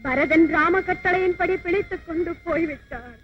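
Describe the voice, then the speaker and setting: A woman's voice: extremely high pitch, moderate pace. A weeping, desperate queen mother. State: crying. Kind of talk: dubbed mythological film acting. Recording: dull lo-fi old film soundtrack with loud music.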